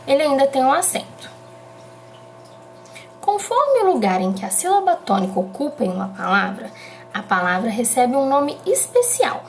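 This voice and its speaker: A woman with a Brazilian Portuguese accent walks pupils through a lesson in a high, bouncy voice. She explains patiently and slows down to stress key syllables. A faint hiss of noise sits under her voice. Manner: slow, emphatic explaining, stretching out key syllables. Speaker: teacher. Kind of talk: remote classroom lesson.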